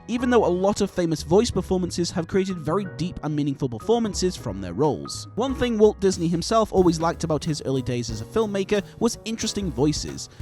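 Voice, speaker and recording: A man's voice: sits high, darkish tone. A man reading a scripted video essay as its narrator.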